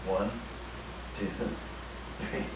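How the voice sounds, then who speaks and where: An older man performing as a stage magician in a casino showroom, keeping up jokey, chatty banter with volunteers from the audience. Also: very slow. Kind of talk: live magic show patter. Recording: echoey, distant, noisy live room.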